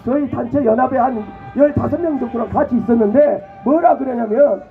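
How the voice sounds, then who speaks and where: A young man from Jeolla with a Jeolla dialect gives an impassioned political rally speech, prodding the crowd with rhetorical questions and shouting at times. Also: extremely high pitch, brisk, faint music behind. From Jeolla, South Korea. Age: young adult. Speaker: rally speaker. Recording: tinny phone-like audio with faint noise.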